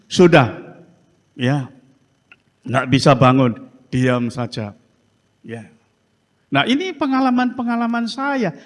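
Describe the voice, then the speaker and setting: A male pastor, telling a testimony in a sermon with animated storytelling and frequent "ya" tags. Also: fairly high pitch. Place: church sanctuary. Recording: reverberant church hall.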